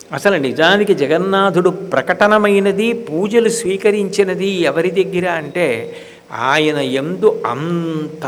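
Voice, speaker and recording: Older telugu-accent guy giving a religious talk, gravelly voice, long hall echo. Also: fairly high pitch, fairly bright tone. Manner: slow, emphatic delivery, breaking into chanted Sanskrit verses. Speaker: spiritual discourse speaker. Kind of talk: devotional discourse. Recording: reverberant hall with faint background hiss.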